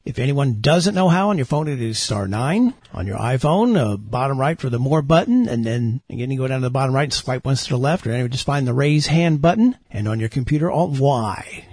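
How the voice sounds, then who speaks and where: A man's voice: mid-range voice, lively intonation, brisk, few pauses, a little mellow, breathy edge, dry recording, studio quality. A man hosting an online call, with a radio-trained announcer delivery. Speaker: host.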